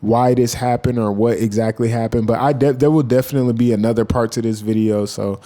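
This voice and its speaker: A YouTuber offers casual, profanity-laced reaction commentary, rambling along with animated asides. His voice is mid-range and his delivery a little fast.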